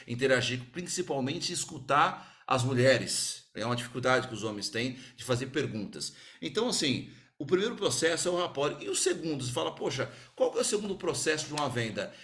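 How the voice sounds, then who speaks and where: Brazilian man, sales speaker, upbeat and talky, voice sits a bit high, slips into mini customer scenes. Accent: Brazilian Portuguese. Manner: energetic, uses acted-out customer dialogue. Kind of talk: sales talk to a small group.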